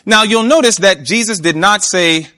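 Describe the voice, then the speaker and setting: A man preaching a sermon, emphatic, often asking his listeners questions and slowing down to stretch key words. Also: high voice, bright, forceful tone. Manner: emphatic, asks the audience questions.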